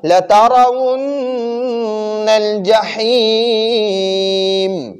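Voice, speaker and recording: A man from Pakistan teaching a Quran recitation lesson, explaining pronunciation rules and then chanting verses slowly. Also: sits high, a little mellow. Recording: long reverb.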